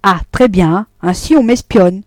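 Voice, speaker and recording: A woman's voice: medium pitch, unhurried, no echo, studio quality, natural voice. Woman putting on a blustering caught-out husband. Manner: jovial, then blustering and defensive. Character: bluff evasive middle-aged husband caught lying.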